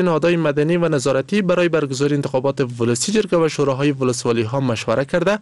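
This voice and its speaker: A male radio newsreader with an Afghan Dari accent delivers the bulletin solemnly and formally. His pitch is mid-range for a man, and the recording is dry and close, with no room sound. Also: darkish tone, dry recording. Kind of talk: scripted news bulletin reading.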